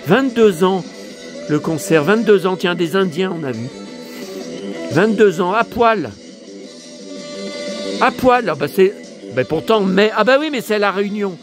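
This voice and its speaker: A hoarse man in a casual vlog, talking to his viewers and muttering exclamations to himself as he browses through his purchases. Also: high voice, lively intonation, a little slow, long pauses, music in the background. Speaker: vlogger showing his purchases.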